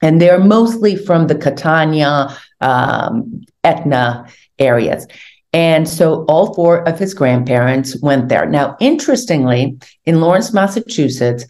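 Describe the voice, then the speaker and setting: Older lady from hungary on a webcam call, low warm voice, talks with her hands. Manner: animated storytelling, gesturing with hands. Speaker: guest, tour organizer. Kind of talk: video call interview. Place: home room indoors. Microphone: video call webcam.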